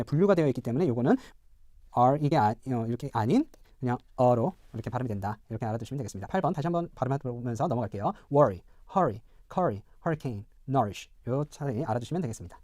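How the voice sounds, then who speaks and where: A middle-aged man, a professor, giving a recorded pronunciation lecture, explaining step by step, repeating example words slowly and asking checking questions. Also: medium pitch, darkish tone, no echo, studio quality. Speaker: professor teaching English pronunciation.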